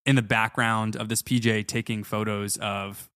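A man's voice: fairly low pitch, flat delivery, normal speed, a bit bright, smooth, dry recording, clean studio sound. A man co-hosting a podcast, analyzing a TV episode in a thoughtful, casual way with many hedges. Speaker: podcast co-host. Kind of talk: casual TV recap chat.

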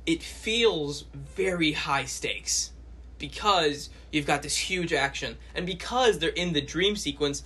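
Husky man breaking down a movie. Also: on the high side, slow, bright, forceful tone. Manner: analytical, fillers like "like". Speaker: podcast co-host. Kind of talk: casual movie review chat.

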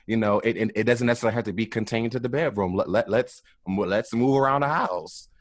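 A man's voice: lowish voice, brisk. Stammering, candid young man on a podcast. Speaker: podcast co-host. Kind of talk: casual chat.

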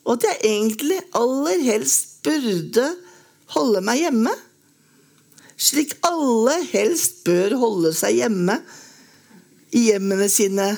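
A woman reading a lyric poem aloud in a slow, measured, lyrical way with long pauses. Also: on the high side, a little mellow. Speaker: poetry reader.

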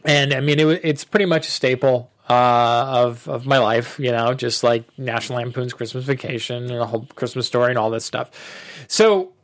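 A man in his thirties hosting a casual film podcast, talking eagerly and repeating himself when he gets excited. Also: mid-range voice, brisk. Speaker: podcast host.

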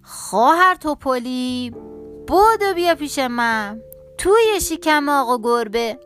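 A woman voicing a clever, cheeky male mouse in a children's storybook, calling out quickly in a playful voice. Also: sits high, expressive, soft background music. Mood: sly. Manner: quick, shouting, playful tricks.

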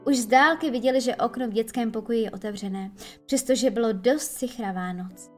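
A woman reads a children's audiobook in a gentle, storytelling way. Her voice sits fairly high, and soft music plays faintly underneath. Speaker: narrator.

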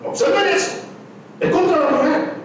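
A man's voice: very high voice, normal speed. Man, preacher, impassioned sermon, very echoey room, faint noise. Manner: impassioned, swings from shouting to hushed. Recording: echoey, distant room mic.

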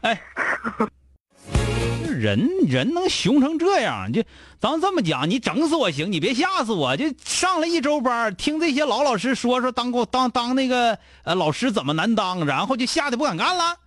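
A man with a Northeastern Mandarin accent hosting an advice show, scolding a caller bluntly with rapid rhetorical questions. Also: very high voice, sing-song, over music. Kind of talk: call-in advice chat.

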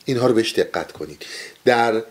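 A man lecturing on mystic poetry in an earnest, explaining manner. His pitch rises and falls freely as he presses his points home and keeps urging listeners to take note. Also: animated. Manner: earnest, explanatory, urges listeners to pay attention. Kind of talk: spiritual lecture.

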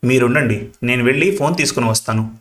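Man reading brisk older housewife, direct, mid-pitched voice. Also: a bit bright, lightly acted.

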